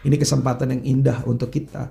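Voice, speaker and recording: Preaching with sincerity in a laid-back conversational style, the youth pastor slips in slang and dramatizes daily complaints. He's a man with a mid-pitched, creaky voice and a fast delivery.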